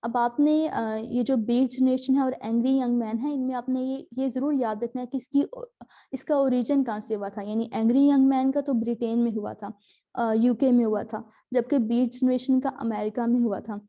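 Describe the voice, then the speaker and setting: A woman's voice: a little high, steady tone, normal speed, warm tone, highs cut off. A woman teaching an online class over a video call, explaining step by step with frequent fillers on her terms. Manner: explains patiently, mixing in English terms, many fillers.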